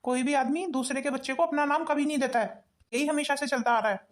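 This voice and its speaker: A woman's voice: high voice, quick pace, close to an everyday voice. A woman voicing a stern, dismissive young husband in a cartoon. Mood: angry. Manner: angry, dismissive. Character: stern harsh husband, young adult man. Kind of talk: cartoon voice acting.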